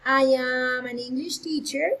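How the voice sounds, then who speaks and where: Her voice sits high and a bit bright, with fairly even intonation and a slightly slow delivery. She's a friendly Colombian English teacher in her thirties, switching between Spanish and English as she encourages a student on a video call.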